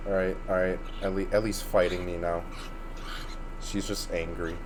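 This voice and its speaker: A man's voice: low-pitched, flat delivery, normal speed. A man chatting casually and jokingly with friends during a script reading, laughing a lot and swearing. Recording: clear background noise.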